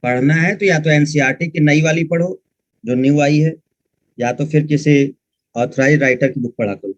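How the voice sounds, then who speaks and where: A male history teacher lectures online with a fairly high voice, scolding his students in an informal, direct way. The recording is dry and close, with a dull, muffled tone. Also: normal speed, dry recording.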